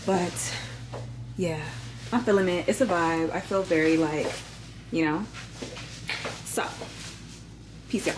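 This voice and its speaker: Against a noisy background, this fashion influencer speaks slowly in a lowish voice, pausing often. The young woman keeps her fashion vlog chatty, slangy and relaxed, addressing her viewers directly.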